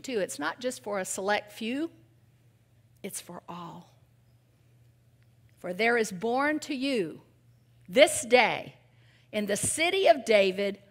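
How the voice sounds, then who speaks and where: An older woman giving an animated, humorous sermon as guest speaker at a women's event. She swings from loud exclamations to hushed near-whispers and often asks the audience questions. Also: on the high side.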